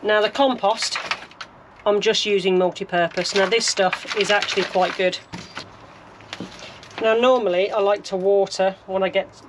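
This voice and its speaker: A woman's voice: mid-range voice, steady tone, moderate pace, pauses often, background noise. Chatty woman sowing seeds outdoors. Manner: chatty, practical, thinking aloud. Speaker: gardening vlogger. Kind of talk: casual narration while working. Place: allotment greenhouse.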